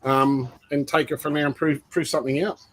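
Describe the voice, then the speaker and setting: A man's voice: on the high side, level tone, a little fast, a bit bright, poor audio. A man co-hosting a reptile livestream, telling stories in a rambling, filler-heavy casual way. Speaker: co-host of a reptile breeding livestream. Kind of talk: casual chat.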